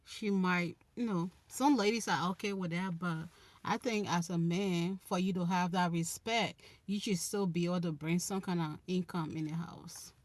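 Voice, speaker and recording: A young Liberian woman with a Liberian accent hosts a relationship channel, answering viewers in a casual live-stream chat. Her fairly low voice stays fairly even at a moderate pace as she offers earnest advice, often restarting her phrases.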